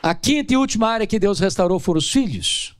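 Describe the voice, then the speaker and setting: Brazilian male pastor, middle-aged, slightly high voice, animated sermon storyteller. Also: quick pace, clean tone. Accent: Brazilian Portuguese.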